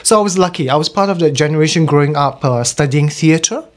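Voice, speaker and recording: Singaporean-accented man in his 40s, radio guest, thoughtful, halting delivery. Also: a little high. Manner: hesitant, many fillers and restarts, reflective. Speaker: arts festival curator. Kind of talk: radio interview. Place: radio studio.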